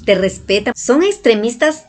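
A woman's voice: on the high side, big pitch swings, a little slow. A woman from Guatemala, a vlogger, earnestly recounting a personal experience to her viewers and repeating phrases for emphasis. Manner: earnest, repeats herself for emphasis, frequent "le dije" and "miren".

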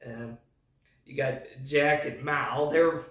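A man's voice: mid-range voice, steady tone, slow pace, a bit bright. Man, casual movie recap, rambling, lots of fillers, distant mic, echoey room. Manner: rambling, hesitant, many fillers. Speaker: movie review host.

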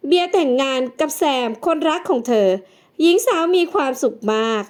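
A woman narrates a storybook drama in a high voice. Her telling stays even and plain. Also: normal speed.

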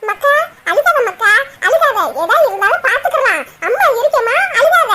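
Cartoon mom played by a woman: high-pitched, doting, lamenting, Kanyakumari Tamil. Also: lively intonation, moderate pace, bright, forceful tone, exaggerated voice. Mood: soothing. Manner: soothing, lamenting. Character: doting, fretful middle-aged mother. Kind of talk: cartoon voice acting.

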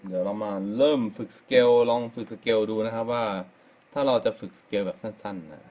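A man's voice: lowish voice, fairly quick, mellow. A man giving a casual live-stream guitar lesson, explaining step by step and counting scale degrees aloud. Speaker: guitar teacher. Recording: slightly dull live-stream audio with guitar music. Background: guitar playing and backing track.

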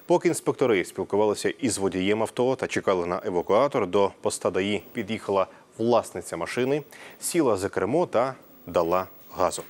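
A male news anchor reads scripted bulletins briskly in a low voice. He delivers them at a quick pace, recorded cleanly on a lapel mic in a studio. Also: animated. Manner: brisk, formal.

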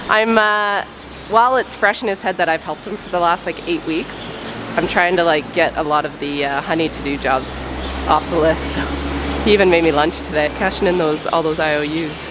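Chatty thirties woman filming herself in a sheep barn, camera held out, steady barn noise behind her. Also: sits low, normal speed. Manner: chatty, thinks aloud with restarts. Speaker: sheep farmer vlogger. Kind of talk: casual vlog chat. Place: large covered sheep barn. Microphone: camera at arm's length.

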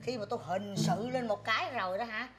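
A woman's voice: a little high, a little fast, loud music behind the voice, natural voice. An actress playing a cheerful, boastful elderly neighbor woman with a bubbly, showy Southern Vietnamese way of talking. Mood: bragging.

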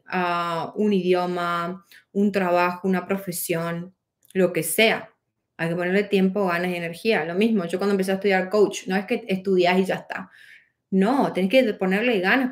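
A woman, a life coach answering viewer questions in a casual, reflective way, full of fillers and restarts. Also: on the low side.

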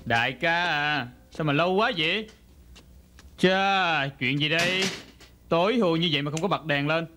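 A man dubbing a brash police detective who talks loudly and impatiently in a casual way, for a film. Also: a little high, moderate pace, background noise, close to an everyday voice. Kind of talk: Vietnamese film dub.

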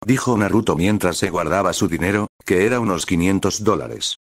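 A man reads a fan story aloud at a steady, even pace. His voice sits low. It is recorded close and dry. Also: fairly quick, dry recording. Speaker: fan fiction reader.

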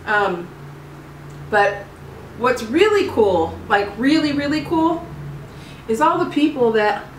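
A woman's voice: on the high side, expressive, takes it slowly. A woman from Southern California chatting to camera as a mukbang vlogger, earnest and encouraging, talking while eating. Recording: echoey room, mic at a distance, noisy.

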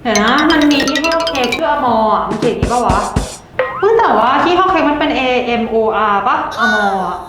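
Woman thinking out loud on a quiz, kinda high voice, super echoey, music on. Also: expressive, fairly quick. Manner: playful, guessing aloud, joking. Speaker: quiz contestant. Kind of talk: casual group chat. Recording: very echoey room with music behind.

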